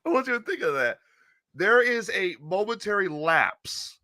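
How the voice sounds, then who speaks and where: A male podcast host telling a rowdy story in an animated way, laughing often and swearing freely. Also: sits high, normal speed, no echo, studio quality.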